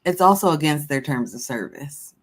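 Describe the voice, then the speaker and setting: A woman's voice: low voice, expressive, moderate pace. A woman chatting casually and explaining things in an emphatic, instructive way as a panelist. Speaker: crafting livestream panelist.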